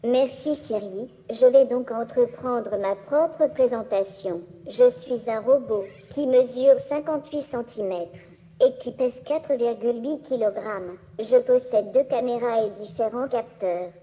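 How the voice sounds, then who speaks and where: A woman's voice: fairly high pitch, a little slow, dark tone. A synthetic female robot voice of a small cheerful humanoid robot, giving a neatly enunciated scripted presentation. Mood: polite, playful.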